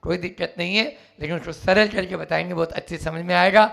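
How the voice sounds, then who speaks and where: A man, a monk, giving a sermon at a jail gathering, telling stories in animated swings between loud and soft. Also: high voice, a little fast, gravelly. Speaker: Jain monk preacher. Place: jail gathering, partly outdoors. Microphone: camera recording.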